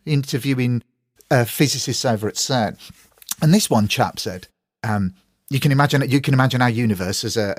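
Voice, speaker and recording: Man, British accent, podcast host, casual storytelling, mid pitch, dry sound. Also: no room sound. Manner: casual, relaxed storytelling with brief agreements. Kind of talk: podcast conversation.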